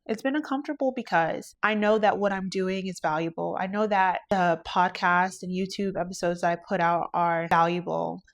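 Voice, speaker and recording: A woman with a fairly low voice talks through her own podcast. She is earnest and introspective, and speaks about faith and her work as a lash artist in a thoughtful solo monologue. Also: steady tone, normal speed, few pauses. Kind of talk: reflective solo podcast talk.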